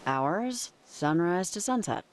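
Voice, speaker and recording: A dry, sarcastic game heroine. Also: female voice, lowish voice, big pitch swings, takes it slowly, a little hiss or hum.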